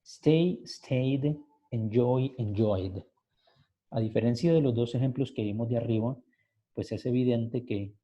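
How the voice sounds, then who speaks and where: A man's voice: mid-range voice, dark tone, husky. A man teaching English grammar in an online class, patiently explaining step by step. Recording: muffled lo-fi video call audio.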